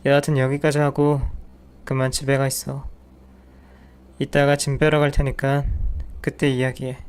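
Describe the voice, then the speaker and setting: A man's voice: medium pitch, monotone, normal speed, clear, resonant tone, close to an everyday voice. A man voicing a harsh, dismissive husband who scorns his wife in a narrated audio drama. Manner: contemptuous, curt.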